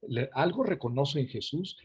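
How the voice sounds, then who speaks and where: A man with a husky, slightly breathy voice teaches an online class over a video call microphone. He explains a scripture passage at a middle pitch and keeps turning to his listeners with asides. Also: expressive, normal speed. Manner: engaging, often addresses listeners with asides. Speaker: lecturer on scripture.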